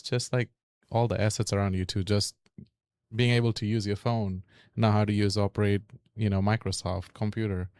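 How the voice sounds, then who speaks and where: A man's voice: fairly low pitch, a little mellow, no room sound, studio quality. A man from Fiji with a Fiji Indian accent and Fiji Hindi as his first language, talking conversationally on a panel. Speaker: real estate agent and lender on a panel.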